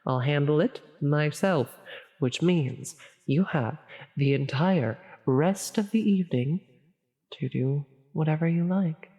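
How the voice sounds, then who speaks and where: In a soft comfort audio roleplay, a woman plays a caring, flustered demon who keeps insisting she's evil while chatting reassuringly, stammering and cutting herself off. Her voice sits low and moves slowly, gently reassuring, with a long reverberant echo.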